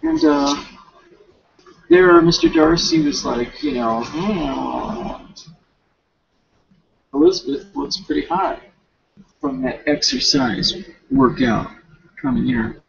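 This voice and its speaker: This male student sits high in pitch, with wildly swooping intonation and vocal fry, as he loosely recaps the novel he's reading for a class paper. It's a dull home recording, and he talks half to himself in informal, slangy bits, stumbling and self-correcting.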